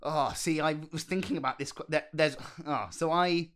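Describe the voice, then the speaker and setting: A man's voice: on the high side, moderate pace, fairly bright tone, smooth. A man with a posh British RP accent, chatting casually as a co-host and rambling hesitantly through his stories. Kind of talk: casual chat.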